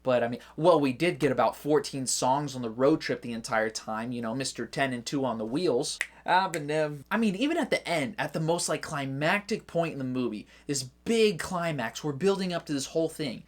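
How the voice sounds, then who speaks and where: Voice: medium pitch, moderate pace, few pauses. A movie reviewer talking in a casual, rambling way, full of filler words and jokey asides.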